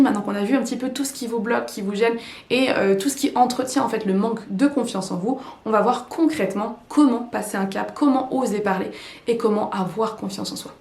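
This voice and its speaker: A young adult French woman coaching English learners in a lively, chatty way with many fillers. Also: fairly high pitch. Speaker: English teacher and YouTuber. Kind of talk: casual coaching talk to camera. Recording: echoey room.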